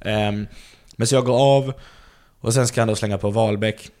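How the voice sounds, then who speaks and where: Man telling a stand-up comedy anecdote. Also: fairly low pitch. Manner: lively anecdote-telling, acts out quoted people. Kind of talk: casual podcast storytelling.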